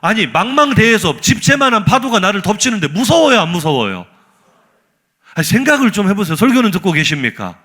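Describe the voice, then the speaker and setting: A man preaching to his congregation in a church, his voice pitched high. He talks in a humorous, animated way and keeps asking the listeners questions. His intonation rises and falls in wide, lively swings. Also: a little fast. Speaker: pastor. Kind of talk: sermon. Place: church sanctuary.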